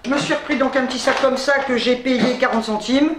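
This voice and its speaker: Chatty grandmother vlogger, high voice. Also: steady tone, fairly quick, roomy sound, background noise. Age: older. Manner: chatty, laughs often, blunt and swears lightly. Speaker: shopping-haul vlogger. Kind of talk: casual chat to camera. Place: home office.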